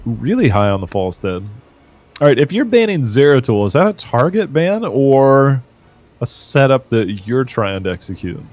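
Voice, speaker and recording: A man casting an esports draft, chatty and animated, acting out players' thoughts as he talks. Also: mid-range voice, normal speed. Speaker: esports caster. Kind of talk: draft-phase casting banter.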